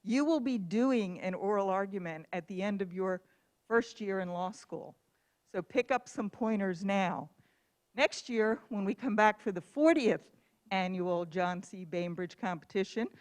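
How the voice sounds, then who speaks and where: A woman's voice: mid-range voice, measured pace. A woman speaking as a law school dean, giving a welcome speech at a formal event.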